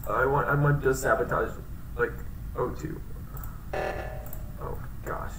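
A man's voice: mid-range voice, steady tone, slow pace, a bit bright. A man casually narrating his game, muttering to himself and making playful sound effects. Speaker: gamer, channel host. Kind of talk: casual gaming commentary. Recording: roomy, distant mic with background noise.

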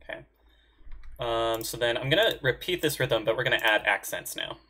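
A man's voice: medium pitch, moderate pace. A man giving a casual, thinking-aloud tutorial on writing marching band percussion parts, often humming drum rhythms with nonsense syllables. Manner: relaxed, self-deprecating, talks to himself while working. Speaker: music arranger demonstrating notation software.

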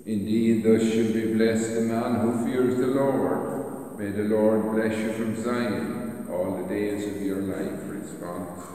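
A man reading scripture aloud at Mass in a slow, measured, solemn way, heard with cathedral echo in a large church. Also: on the low side, steady tone, dark tone. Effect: cathedral echo, long church reverb. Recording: echoey church hall from far off.

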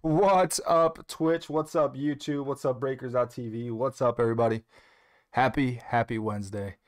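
A man's voice: mid-range voice, fairly even intonation, moderate pace. A man with a mid-range voice hosts a card-opening livestream, casual and upbeat. He jokes around, swears freely and sounds a little out of breath as he chats to viewers. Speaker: card break livestream host. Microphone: earpiece in, on stream.

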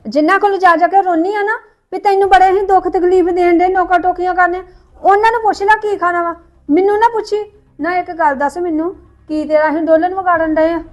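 A woman playing a resentful, quick-tempered young woman of the family who confronts her relatives with accusations. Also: sits high, natural voice. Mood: angry. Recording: dull lo-fi sound with faint music.

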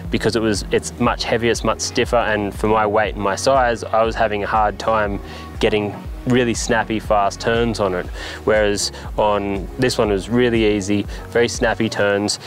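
Earnest young man with a low voice. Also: rough recording. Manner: earnest, thinking aloud with restarts. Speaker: ski instructor reviewing skis. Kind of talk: casual gear review to camera. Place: outdoors on a grassy mountain slope by a wooden chalet.

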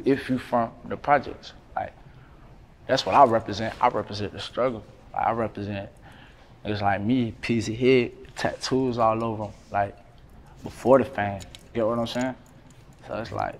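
A young man in his twenties with a drawl speaks in a low voice, loose and full of slang and fillers. He sits indoors by a brick wall, and a faint room hum sits behind him. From North Carolina, USA. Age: 20s. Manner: relaxed slangy talk, many fillers. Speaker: rapper, interview guest. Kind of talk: casual interview talk.

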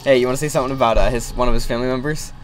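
A teenage boy hosting a gaming channel, giving casual commentary and getting excitable, yelling at the game. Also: mid-range voice, racing.

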